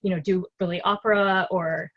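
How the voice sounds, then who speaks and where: A woman's voice: fairly low pitch, steady tone, moderate pace. A woman interviewing in a casual, empathetic, chatty way, relating her own experience, heard on dull lo-fi audio. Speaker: interviewer, fellow singer.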